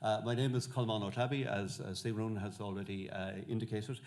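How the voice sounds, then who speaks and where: A man with a West of Ireland accent delivers an informal history lecture to listeners. His voice sits on the low side. He speaks haltingly, often stopping on an um or uh before picking up the thread. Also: steady tone, darkish tone. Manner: halting, frequent um and uh pauses. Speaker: guest lecturer, Benedictine monk.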